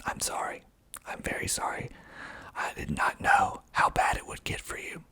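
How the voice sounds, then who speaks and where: A filmmaker who hosts ASMR videos whispers breathily into a close mic fitted with a pop filter. He reads aloud slowly and deliberately, with a sharp tone and dry asides.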